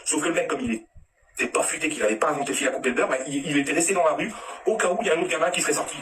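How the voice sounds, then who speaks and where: A man's voice: on the high side, very fast. A man telling a rambling anecdote in crude, casual slang, with hesitant restarts. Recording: distant mic with loud background noise.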